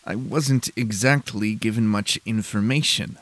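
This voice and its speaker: A man's voice: lowish voice, lively intonation, a little slow, creaky, heavily acted. A man voicing a weary male war veteran who speaks in short, guarded lines with restrained irritation.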